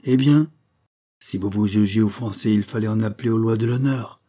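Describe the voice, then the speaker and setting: Earnest young viscount read by a man, measured, husky and low. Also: fairly even intonation, dark tone, close to an everyday voice. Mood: earnest, firm.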